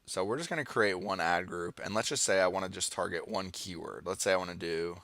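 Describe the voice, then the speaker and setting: Sitting low in pitch, a man with an American accent moves briskly in a fairly bright tone, with no room sound. He's presenting an online marketing tutorial over a casual screen share, partly improvising and thinking aloud as each step unfolds.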